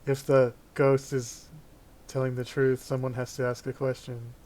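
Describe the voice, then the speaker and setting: Man doing a slow, stolid, stern giant. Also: medium pitch, level tone, darkish tone, close to an everyday voice. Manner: slow, weighty declarations.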